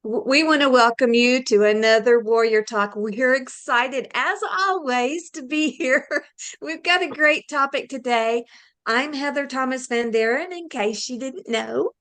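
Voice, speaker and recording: A woman's voice: sits high, measured pace, fairly bright tone. A woman co-hosting a casual faith-based talk show. She talks in an upbeat, folksy way and laughs often. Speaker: co-host. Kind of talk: casual podcast chat.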